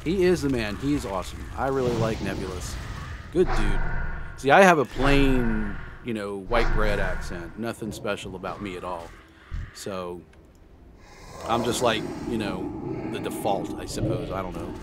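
Gaming live, an American man talks casually with his viewers, wandering off with plenty of fillers and restarts. He speaks on the low side at a measured pace, with background noise in the recording.

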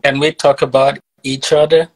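A man in his thirties answering interview questions over a video call, keeping his replies brief and low-key. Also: little pitch movement, moderate pace, low-quality recording. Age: 30s. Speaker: guest.

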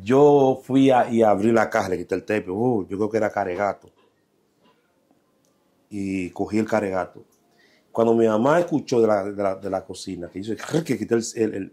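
A man's voice: lowish voice, moderate pace, warm tone. Dominican man telling his story. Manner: rambling, slangy storytelling. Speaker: guest. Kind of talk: casual life-story interview.

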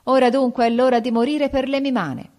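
A woman's voice: mid-range voice, expressive, moderate pace, close to an everyday voice. A woman reading the part of a jealous king, raising her voice in accusing outbursts. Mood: furious. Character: angry jealous king, man.

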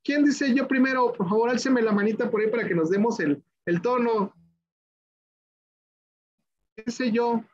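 A man, a teacher trainer hosting a children's event over a video call, talking in an animated, coaxing way and repeating himself. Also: high voice, moderate pace, pauses often, dull audio. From Mexico. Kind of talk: lively online workshop hosting.

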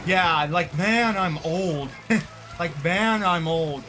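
A man in his twenties streams a game and chats to viewers in a high, pushed, bright voice, taking his time; game music plays and there's slight background noise. He rambles, repeats himself, and has short bursts of frustration.

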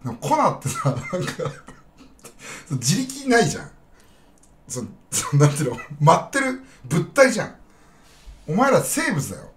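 A man's voice: a little high, wildly swooping pitch, moderate pace, long pauses. A man chatting casually on a live stream, rambling bluntly and talking straight to his viewers.

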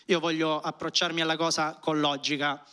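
A man's voice: on the high side, flat delivery, normal speed, sharp tone, clean tone. A man doing an ironic, conversational stand-up routine with casual swearing, speaking into a handheld stage microphone. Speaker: stand-up comedian. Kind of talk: stand-up comedy routine to a live audience. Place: comedy club stage with seated audience.

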